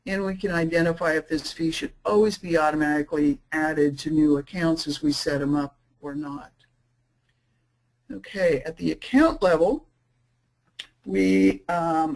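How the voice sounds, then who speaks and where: A woman presenting a software webinar, explaining features casually with frequent fillers and restarts. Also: sits low, poor audio. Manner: says she is talking too fast. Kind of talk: screen-share product demo.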